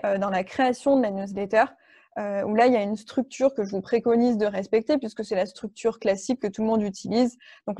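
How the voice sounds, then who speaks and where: A woman presenting an online training session, walking her audience through each point with a patient, explanatory manner. Her voice is warm and mellow, of middle pitch, and the recording is dry and close with no room echo. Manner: explanatory, many fillers and restarts. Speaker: workshop trainer.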